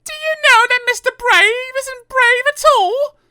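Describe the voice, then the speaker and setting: A woman voicing a naughty little girl character who squeals her words loudly and gleefully. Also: extremely high pitch, unhurried, dry recording, clean studio sound, pitched above the performer's own voice, exaggerated voice. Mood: mischievous. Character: little Miss Trouble, naughty shrill girl.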